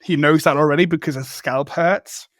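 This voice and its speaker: A man co-hosting a podcast, talking casually and rambling, with restarts and offhand swearing. His voice sits a bit high. It is recorded close and dry, with no room sound. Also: fairly even intonation, moderate pace, no echo. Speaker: podcast co-host. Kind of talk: casual chat.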